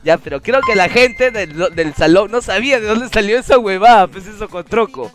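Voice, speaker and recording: A man's voice: high voice, moderate pace, music in the background. A young man with a Peruvian Spanish accent, telling stories casually to his stream chat, slangy and laughing a lot.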